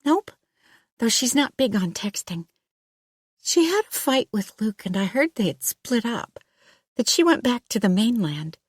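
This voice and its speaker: A woman reading a nervous, flustered young female hairstylist in an audiobook, pitched high and hesitant. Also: sing-song, unhurried, breathy edge, dry recording, clean studio sound, exaggerated voice.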